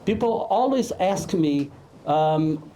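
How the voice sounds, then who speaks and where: A man from Brazil, a film director giving a humorous, anecdotal talk at a networking event, halting often with fillers. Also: fairly high pitch, expressive, warm tone, slight background noise.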